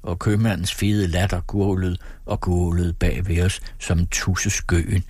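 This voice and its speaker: A man with a very deep, husky voice reads a literary novel aloud. His delivery is measured and dramatic. The recording is dry and close. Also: level tone, a little mellow, no echo. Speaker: audiobook narrator. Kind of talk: scripted literary narration.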